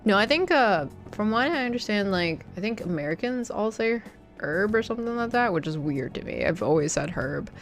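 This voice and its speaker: Chatting while she games on stream, this young Canadian woman rambles, restarts herself, uses plenty of fillers and laughs often. She has a medium-pitched voice with big pitch swings, a moderate pace, and faint background music.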